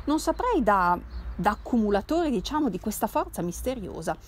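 A woman reading aloud, voicing a scheming, haughty man who talks without pause. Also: medium pitch, big pitch swings, slight background noise, lightly acted. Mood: insistent. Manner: nonstop talking, insistent.

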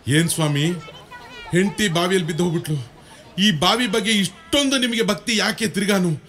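A man's voice: sits high, normal speed, a bit bright, some chatter behind. A comedian voicing a puzzled man who questions a husband, in an incredulous, raised tone. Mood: baffled. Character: puzzled male bystander at a well.

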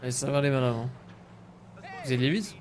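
A man's voice: medium pitch, fast, a little mellow, a little hiss or hum, lightly acted. A man voicing an apologetic, hesitant medic in an online role-play game. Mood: concerned, apologetic. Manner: hesitant, repeating words.

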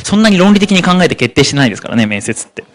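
A man in his thirties delivers a live psychology seminar talk. His delivery is rapid and lively, with a slightly raised pitch that swings widely. He deliberately slows down to land his key points. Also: slight background noise. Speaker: lecturer on psychology.

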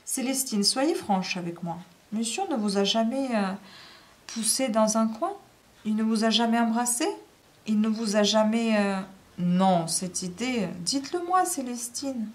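A plaintive, imploring lady of the house, neglected and tearful, begging her maid for reassurance, as a woman reads her lines from a novel. Her lines come in a soft, pleading tone. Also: fairly high pitch, measured pace, lightly acted. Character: lonely, pleading, tearful upper-class wife.

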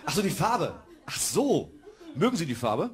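A man's voice: a little high, very animated, moderate pace. A man doing musical comedy, dryly teasing the audience between lines of his song.

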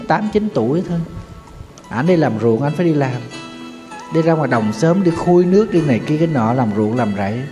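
A Buddhist monk with a Southern Vietnamese accent, giving a sorrowful storytelling sermon and now and then chanting folk verses. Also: male voice, on the high side, warm tone. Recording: long hall reverb with faint music.

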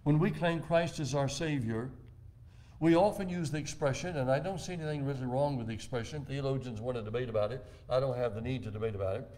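Older pastor preaching slowly and deliberately. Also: male voice, mid-range voice, a little mellow. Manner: measured, deliberate preaching with slow emphatic phrases. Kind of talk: sermon. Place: church.

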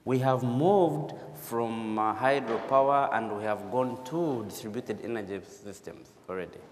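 A Ugandan-accented man speaks formally at a conference as an energy specialist, repeating words to stress his points from a large auditorium stage. His voice is mid-range with a darkish tone, and the sound carries the echo of the hall plus noticeable background noise.

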